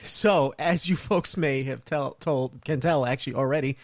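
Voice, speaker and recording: A man's voice: mid-range voice, normal speed. A man hosting a casual podcast who laughs often and opens with a formal announcer greeting. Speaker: podcast host.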